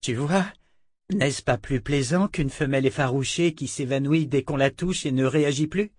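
A man's voice: medium pitch, normal speed, darkish tone, no room sound, clean studio sound, voice pushed up, close to an everyday voice. A man reading an audiobook and voicing a young woman captive who coaxes and persuades while hiding her fear. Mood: persuasive.

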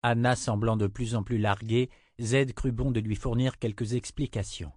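A man narrating a fantasy audiobook in a measured, even storytelling manner. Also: mid-range voice, no echo, studio quality.

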